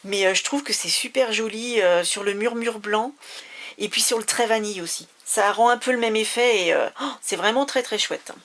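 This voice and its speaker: A woman's voice: mid-range voice, moderate pace, a bit bright. A woman from France giving a casual papercraft tutorial, talking with many fillers and restarts. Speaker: papercraft demonstrator.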